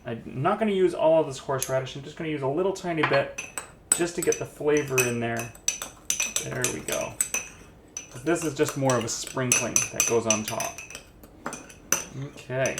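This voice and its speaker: A man's voice: mid-range voice, moderate pace, pauses often, heavy background noise. Chatty man cooking in an echoey kitchen. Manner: chatty, admiring, thinks aloud while cooking. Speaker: cooking show host. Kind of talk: casual cooking demonstration. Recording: echoey room with guitar music behind.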